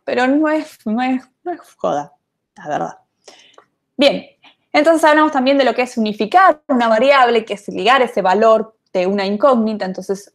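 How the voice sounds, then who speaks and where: A woman giving an online programming lecture, chatty and thinking aloud with many fillers. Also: fairly high pitch. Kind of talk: online lecture, casual explanation.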